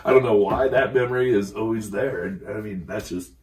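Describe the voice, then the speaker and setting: A middle-aged man with a very low, deep voice tells rambling stories and laughs through them. He sits a little back from the mic in an echoey room. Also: fairly quick, recorded from a distance. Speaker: podcast guest. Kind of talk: casual chat, storytelling.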